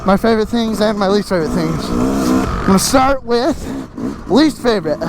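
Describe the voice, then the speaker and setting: An out-of-breath man hosting a casual riding vlog on a desert trail, energetic and whooping as he talks from a helmet mic. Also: high voice, normal speed. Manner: energetic, whooping, laughing between sentences. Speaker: host. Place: outdoor desert trail, riding a dirt bike. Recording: loud engine and wind noise.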